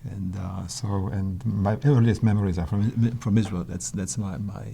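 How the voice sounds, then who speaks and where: An older man from Poland, Polish being his first language, thinks back on his youth in a hesitant interview, restarting many times. His voice is low, gravelly, and mellow, with fairly even intonation at normal speed, over slight background noise.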